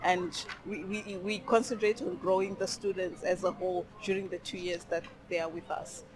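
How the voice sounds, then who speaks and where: A woman's voice: lowish voice, steady tone, moderate pace, a crowd in the background, poor audio. A woman from Zimbabwe speaking for a charity at an outdoor event, thoughtful and hesitant, with many fillers. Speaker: charity representative.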